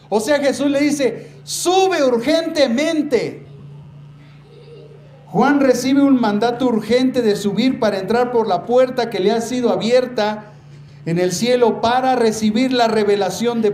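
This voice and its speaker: A man preaching a sermon as pastor, emphatic, often calling out to his brothers and slowing down to stress key words. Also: very high-pitched, a little mellow. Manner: preaching, repeatedly addressing the congregation as brothers. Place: church. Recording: echoey church room with faint noise.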